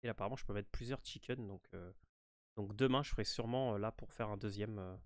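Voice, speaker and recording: A man's voice: lowish voice, quick pace, no room sound, clean studio sound. A man with a French accent giving a casual, hesitant game walkthrough full of fillers and restarts. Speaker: gaming walkthrough host.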